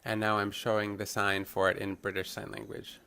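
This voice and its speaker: A man with a fairly low voice works as a live interpreter for a fitness class. He calls out workout instructions in an upbeat coaching manner. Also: monotone, normal speed, gravelly, sharp tone, clear, resonant tone.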